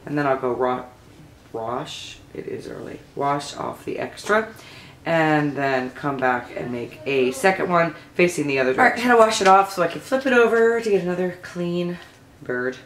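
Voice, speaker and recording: Low-voiced woman rambling through a craft demo. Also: moderate pace. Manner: rambling, chatty, thinking aloud. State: low early-morning voice. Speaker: mixed-media craft tutorial host. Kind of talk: casual craft tutorial, talking while working. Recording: echoey room, faint background noise.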